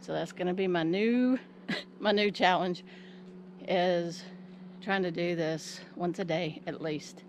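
Out of breath from the climb, a middle-aged woman muses in short phrases to the camera she holds at arm's length as she hikes a wooded hillside trail. Her fairly low voice moves slowly, and the vlog's outdoor audio has clear background noise.

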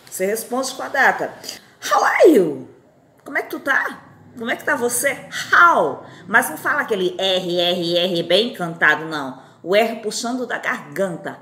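A teacher in her forties from Fortaleza, speaking in a mid-pitched, tired-sounding voice. She says each English phrase slowly, then repeats it. The recording rings with room echo. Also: sharp tone. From Fortaleza, Brazil. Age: 40s. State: tired, strained voice. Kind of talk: recorded lesson.

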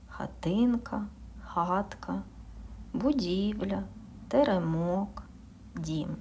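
Woman teacher talking real slow to little kids, a bit breathy, asks then answers, whispers now and then. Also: mid-range voice, mellow. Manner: slow, patient, asking and answering her own questions, drops into whispers. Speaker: kindergarten teacher. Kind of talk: speech lesson for young children.

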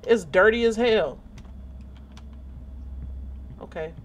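A woman's voice: medium pitch, takes it slowly, slight background noise. A woman streamer giving casual, chatty commentary while playing a horror game, reacting aloud. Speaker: gaming streamer. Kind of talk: let's-play commentary.

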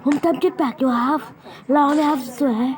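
A woman's voice: sits high, a little fast, lightly acted. A woman voicing a polite, eager young male apple inventor in a homemade cartoon, with crowd noise behind. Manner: overly polite, formal.

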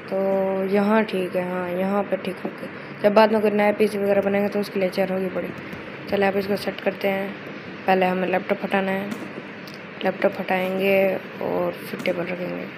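A woman hosts a gameplay video, keeping up chatty, casual let's-play commentary while she plays and often calling her viewers "guys." Her voice sits at a medium pitch and moves at a moderate pace. Steady background noise runs under the recording.

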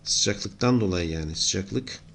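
Gravelly low-voiced man teaching step by step. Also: slow. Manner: steady explaining, thinking aloud while writing. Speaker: engineering lecturer. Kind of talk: whiteboard lesson.

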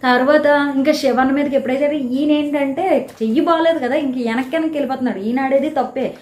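A woman's voice: high-pitched, quick pace. Chatty woman recapping a show, echoey room. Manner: chatty, animated retelling of quarrels. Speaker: show reviewer. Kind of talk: casual episode recap.

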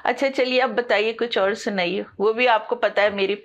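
A woman hosting a studio talk show, chatting and reminiscing in a lively, talkative way. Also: fairly high pitch, moderate pace, highs cut off. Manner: chatty, reminiscing, often laughing. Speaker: show host. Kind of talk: casual studio chat.

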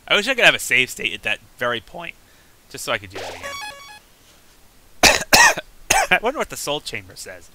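A man giving excitable, chatty gameplay commentary, reacting aloud as he plays. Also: mid-range voice, moderate pace, pauses often, rough recording. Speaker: let's play gamer.

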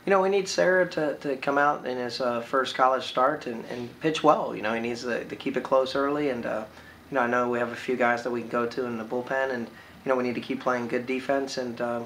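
A man in his thirties, a baseball coach giving a postgame interview, talking quickly and filling pauses with "you know". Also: medium pitch, steady tone, fairly bright tone, a little hiss or hum, rough recording. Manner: filler-heavy, with frequent "you know"s. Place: indoor room by large windows.

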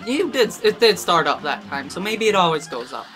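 A let's play gamer giving excitable gameplay commentary and exclaiming often while playing. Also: medium pitch, a little fast, music in the background.

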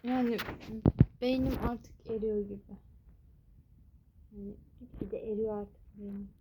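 A woman's voice: mid-range voice, steady tone, unhurried, background noise. A young woman vlogging from her bedroom, ranting in an exasperated, complaining way about studying for her exams. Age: young adult. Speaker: exam student vlogger. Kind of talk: casual vlog rant. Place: bedroom at home.

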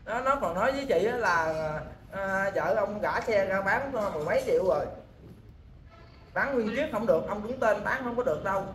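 A man's voice: high-pitched, lively intonation, moderate pace, fairly bright tone. Rambling man pleading, echoey noisy spot. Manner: rambling, repeats himself. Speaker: husband in a marital dispute. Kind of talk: emotional pleading talk. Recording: echoey, with background noise.

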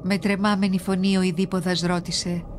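A woman giving steady, measured scripted narration for a children's series on ancient myths. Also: fairly low pitch, background noise.

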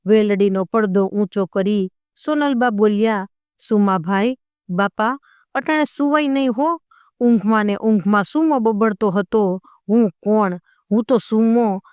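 A woman's voice: medium pitch, clear, resonant tone, dry recording, clean studio sound. A woman narrating a dramatic folk tale in a storytelling style.

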